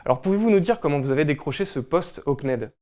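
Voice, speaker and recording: A man's voice: on the high side, lively intonation, a little mellow. A man hosting a local weekly newspaper show, presenting the issue and then interviewing a guest with hesitant questions. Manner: brisk read-through, then hesitant questions. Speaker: host.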